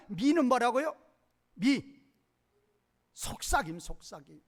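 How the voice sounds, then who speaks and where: High, lively-pitched Korean pastor preaching. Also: male voice. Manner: emphatic call-and-response questions to the congregation; swings between loud emphasis and quiet low asides. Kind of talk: sermon.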